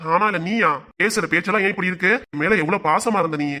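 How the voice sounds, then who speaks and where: A man's voice: high voice, fast, bright, forceful tone. A man voicing an elderly, stubborn and unforgiving father with a Kanyakumari Tamil accent, in a cartoon. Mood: stern. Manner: stern, reproachful.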